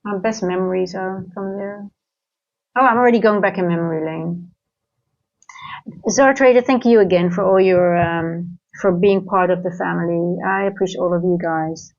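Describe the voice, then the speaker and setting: On her live trading stream, a woman who grew up in Singapore comments on the markets and talks with viewers, thinking aloud and often restarting amid frequent fillers. Her voice sits on the low side with a darkish tone and a moderate pace, and the highs are cut off.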